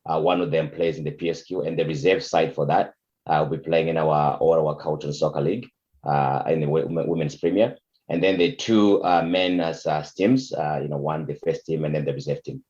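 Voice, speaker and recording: A middle-aged Zimbabwean man, a soccer coach, answering interview questions in a halting way with many fillers. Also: very deep voice, steady tone, darkish tone, highs cut off.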